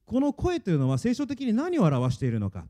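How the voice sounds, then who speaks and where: A man's voice: high-pitched, wildly swooping pitch, a little fast, dark tone. A male pastor preaching a sermon earnestly and emphatically, and leading his congregation in reading aloud.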